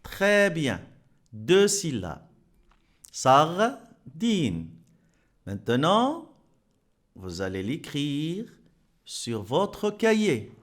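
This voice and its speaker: A man's voice: a little high, wildly swooping pitch, drawn-out words, long pauses. A man teaching French to young children, patiently repeating words and clapping out their syllables. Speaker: primary school French teacher.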